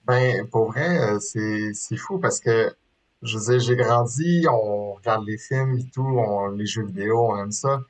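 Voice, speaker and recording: A man in his thirties from Quebec, Canada, speaks with a Québécois French accent as a sport shooter guest in an interview. His voice is lowish and a little slow, and he talks casually but hesitantly, with many fillers and restarts.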